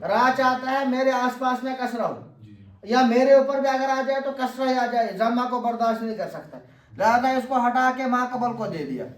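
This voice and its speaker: High-voiced male teacher quizzing a student. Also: moderate pace. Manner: quizzes the student with repeated questions. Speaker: Arabic grammar teacher. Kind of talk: classroom lesson with question and answer. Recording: echoey room, voice from a distance.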